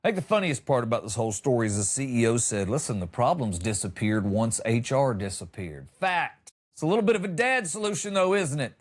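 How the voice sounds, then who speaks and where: Speaking a little fast with few pauses, a middle-aged American comedy podcast host riffs humorously on news stories in a medium-pitched, expressive voice. He exaggerates wryly and acts out lines.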